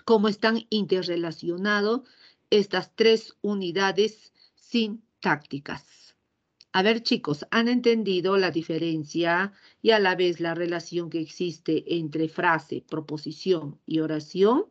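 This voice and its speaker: A woman teacher walks a class through grammar in a patient, explanatory way, pausing to check in with quick tag questions. Her delivery is unhurried and her voice sits on the low side. The recording is a little dull and lo-fi.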